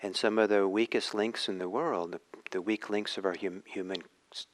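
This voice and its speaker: Man, fairly low voice, dharma talk, reflective, halting restarts. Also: fairly even intonation. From Norway. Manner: reflective, unhurried, with many pauses and restarts. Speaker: meditation teacher.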